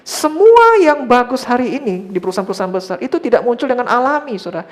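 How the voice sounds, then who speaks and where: A man's voice: very high voice, very animated, fast talker. A male pastor preaching a church sermon as a story, often turning to his listeners and dropping English phrases into his talk. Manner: storytelling, often addressing listeners as brothers and sisters.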